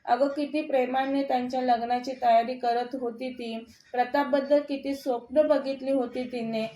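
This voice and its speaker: A woman's voice: high voice, steady tone, normal speed, warm tone, a little hiss or hum, natural voice. A woman voicing a hot-tempered middle-aged man who angrily threatens his sister, in an echoey room. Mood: angry. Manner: angry and threatening.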